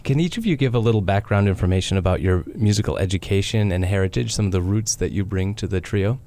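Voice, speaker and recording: A man's voice: sits low, fast talker, mellow. A male radio host asking questions in a polite, encouraging way. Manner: polite, encouraging, short affirmations. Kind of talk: radio interview.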